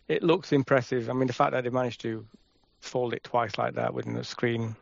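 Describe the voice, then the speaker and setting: A man with a Yorkshire accent chatting casually as a podcast co-host, with quick, halting restarts. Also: mid-range voice, level tone, vocal fry, no echo. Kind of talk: casual chat. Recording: dry, slightly muffled.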